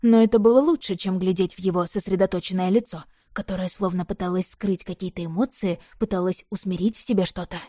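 A woman reading a novel aloud in the first person, expressive and lively. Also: fairly low pitch, fast, few pauses, dry recording, clean studio sound. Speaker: narrator. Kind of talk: audiobook narration.

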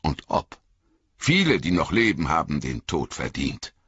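A man voicing an old, wise male wizard who speaks in a grave, measured way with emphatic repetition, in an audiobook reading. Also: rumbling low, wildly swooping pitch, fairly bright tone, husky, no room sound, exaggerated voice. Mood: admonishing. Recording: dull lo-fi audiobook recording.

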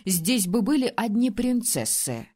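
A woman reading an audiobook and voicing an ancient, calm male keeper who speaks in a measured, patronizing way. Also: fairly high pitch.

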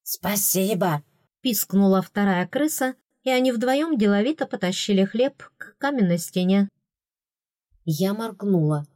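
A woman narrating a story in the first person, wry and measured. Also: medium pitch, mellow, no echo, clean studio sound. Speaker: audiobook narrator.

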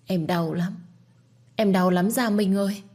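A woman's voice: lowish voice, moderate pace, darkish tone, lightly acted. A woman playing a distraught, weakened young wife. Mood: anguished.

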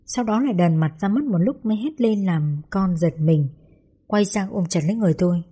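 A young woman calmly narrating a first-person story in a reflective way. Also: medium pitch, a little fast, breathy edge. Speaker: audiobook narrator.

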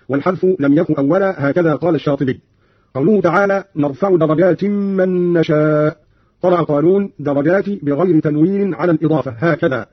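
A man's voice: fairly high pitch, husky, no echo. A man explaining Quran recitation variants in a formal, instructional radio style from an archival broadcast. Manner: precise, instructional, quoting verses briskly. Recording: dull, dry archival radio recording.

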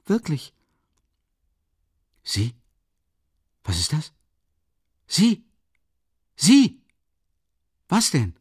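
A man's voice: vocal fry, husky, no room sound, clean studio sound, full character voice. Raskolnikov, a man voicing a feverish, faint young man. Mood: alarmed. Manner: halting, strained, rising in pitch. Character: feverish, weak young man, agitated and distraught. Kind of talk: audiobook character reading.

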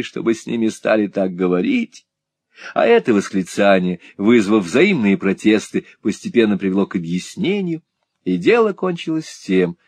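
Male narrator, audiobook reading, lively pitch, dry close recording. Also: no room sound. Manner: expressive storytelling. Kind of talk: scripted narration of a classic novel.

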